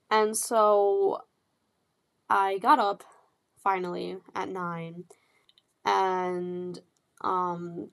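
A young woman speaks at a slow, unhurried pace as she tells a personal story on her podcast. Her talk is candid and loose, heavy with swearing and fillers. Her pitch sits in an ordinary middle range for a woman. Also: creaky. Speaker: podcast host.

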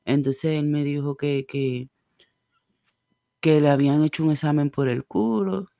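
A man co-hosting a casual podcast, telling animated anecdotes about his driving shifts and slipping in English phrases. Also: on the high side, unhurried, gravelly, dry recording, clean studio sound. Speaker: podcast co-host and driver. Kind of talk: casual storytelling.

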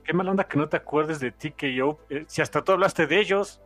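A man's voice: on the high side, a little fast, a bit bright, soft background music. A man co-hosting a comics podcast, joking and laughing easily in casual chat. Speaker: podcast co-host.

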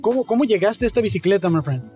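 A man's voice: sits high, expressive, fast, mellow, faint music behind. A man hosting a casual street podcast in slangy talk. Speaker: podcast host. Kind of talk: casual street interview and banter. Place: outdoors on a street, seated at a podcast setup. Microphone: podcast microphone with headphones.

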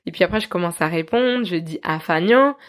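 Lively woman narrating a podcast. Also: fairly low pitch, fairly quick. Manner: lively, self-mocking, laughs often. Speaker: podcast host.

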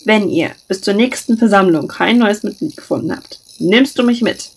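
A talkative blond teenage boy pleads and sulks in a whiny, insistent voice, as a woman reads him aloud. His lines sit a little higher than the reader's own voice. There is a gravelly, husky edge to the sound. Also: animated, moderate pace. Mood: pleading.

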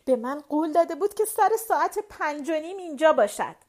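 A woman reading an audiobook, voicing an emotional middle-aged mother whose voice trembles, high and loud. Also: lively intonation. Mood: excited.

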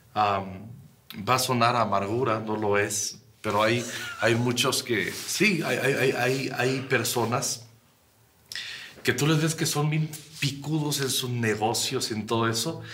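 A man's voice: mid-range voice, slow, sharp tone, slight background noise. A male co-host chatting casually, often stumbling and restarting his sentences. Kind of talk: casual chat.

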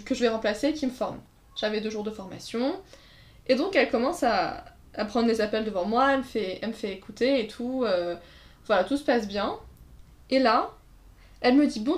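A woman telling casual anecdotes in a chat, acting out quotes and laughing along. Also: a little high. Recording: roomy echo.

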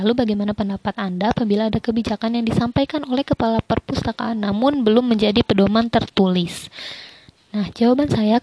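Young woman reading answers, slightly high. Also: darkish tone, no echo, rough recording. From Indonesia. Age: young adult. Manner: measured, careful recitation with occasional slips. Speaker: university student presenting coursework. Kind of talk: reading prepared answers aloud.

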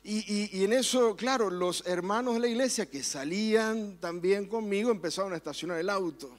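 A man's voice: high-pitched, moderate pace. A man, a pastor preaching a sermon in church, telling stories and turning fervent in prayer. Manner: storytelling with varied emphasis, fervent when praying.

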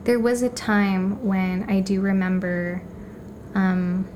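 A woman podcast guest telling a personal story casually, with halting phrasing. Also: medium pitch, level tone, a little mellow, a little hiss or hum.

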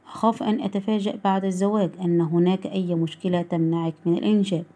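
A blunt young man, as a woman narrator reads him in a spoken short story. He talks curtly and matter-of-factly in a low, warm voice, with a stern, no-nonsense firmness. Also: steady tone, rapid-fire, close to an everyday voice. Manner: curt, firm, matter-of-fact.

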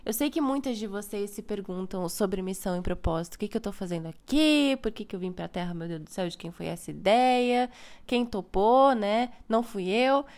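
A woman's voice: medium pitch, moderate pace, a little mellow. A young Brazilian woman with a Brazilian Portuguese accent, talking casually to her followers in a chatty, playful way with lots of tag questions. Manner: chatty and playful, frequent "né?" asides. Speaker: spiritual content creator. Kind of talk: casual spiritual vlog monologue.

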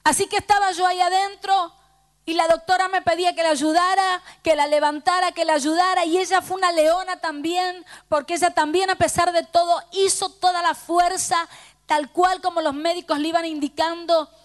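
High-voiced Rioplatense woman preaching. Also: steady tone, moderate pace. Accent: Rioplatense Spanish. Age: middle-aged. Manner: fervent storytelling, quoting dialogue. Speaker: pastor. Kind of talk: sermon testimony.

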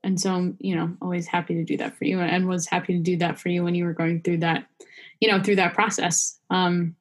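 A young woman hosting a faith podcast in a casual chat, warm-hearted and full of fillers like "um" and "you know". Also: on the low side, level tone, a little fast. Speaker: podcast host.

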